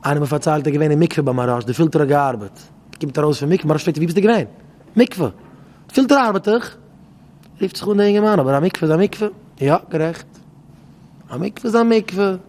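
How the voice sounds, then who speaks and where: High-voiced rabbi in a reverberant hall. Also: male voice, quick pace. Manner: animated, acts out back-and-forth dialogues. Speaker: rabbi giving a talk.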